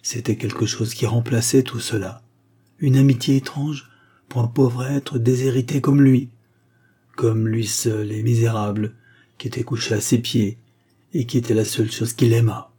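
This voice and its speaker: A man reading a short story aloud as an audiobook narrator, in a measured and expressive way. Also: medium pitch, breathy edge. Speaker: audiobook reader.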